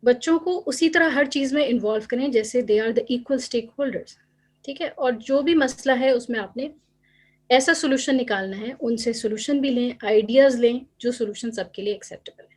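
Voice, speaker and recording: Woman giving an online parenting seminar. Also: a little high. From Pakistan. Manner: mixes English phrases into Urdu; acts out parents' remarks in quotes. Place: home or office, online seminar. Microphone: computer mic on a video call.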